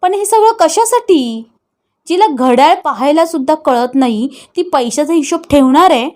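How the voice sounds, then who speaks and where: A woman's voice: high voice, lively intonation, normal speed, darkish tone, pitched above the performer's own voice. A woman voicing an angry, contemptuous brother who scolds harshly, in an audio story.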